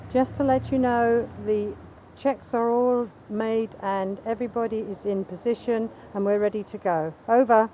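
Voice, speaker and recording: A woman's voice: fairly high pitch, fairly even intonation, normal speed, dark tone. A woman marshal reporting over a two-way radio in brief procedure, her voice fading in through static.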